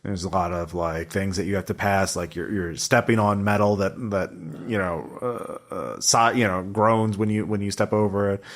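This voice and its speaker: A man narrating a tabletop role-playing game as game master, in a conversational, halting way that often repeats phrases. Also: lowish voice, steady tone.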